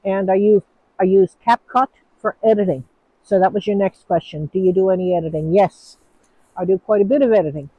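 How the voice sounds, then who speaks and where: A woman's voice: medium pitch, fairly quick, muffled recording. A woman with a Newfoundland accent chatting outdoors to a phone, answering viewer questions in a rambling, hesitant way. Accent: Newfoundland English. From Newfoundland, Canada. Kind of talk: casual chat. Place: outdoors, with snow falling.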